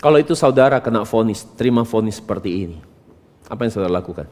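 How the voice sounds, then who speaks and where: A male pastor preaching a sermon from Indonesia, asking rhetorical questions and swinging between quiet asides and loud emphatic bursts. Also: fairly low pitch, expressive, fast. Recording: reverberant church hall.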